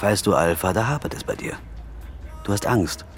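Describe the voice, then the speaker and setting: A male dubbing actor playing a brash young man and son who boasts in hushed tones and flares into shouting. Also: fairly low pitch, normal speed, soft background music, lightly acted. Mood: hushed boasting. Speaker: son and older brother.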